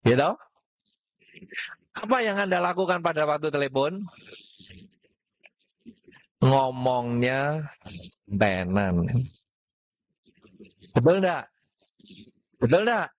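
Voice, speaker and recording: Male Dhamma speaker, animated, dry close sound. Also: medium pitch, measured pace, pauses often, dry recording. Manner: asks the audience rhetorical questions; mixes in Javanese words. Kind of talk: Dhamma talk to an audience.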